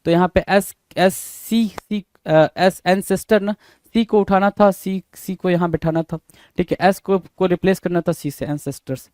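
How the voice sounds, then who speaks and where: Man, exam spelling teacher, repetitive rhetorical questions, high pitch, dry close sound. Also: fairly even intonation, normal speed, darkish tone, dry recording. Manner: repetitive, rhetorical questions, calls students "bhai". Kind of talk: exam prep lesson, spelling out words letter by letter.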